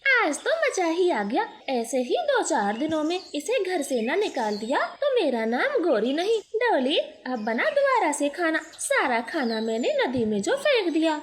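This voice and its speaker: A shrill, scheming mother bird from a cartoon scolds in a high voice that swoops up and down, as a woman voices her. She is sharp-tongued and bossy. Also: very animated, measured pace, few pauses, a little hiss or hum. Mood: gloating.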